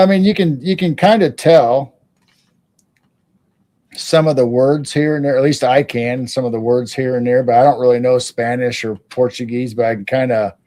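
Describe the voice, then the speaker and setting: A man hosting a casual live stream, thinking aloud in halting starts while studying something on his monitor. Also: mid-range voice, dark tone. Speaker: stream host.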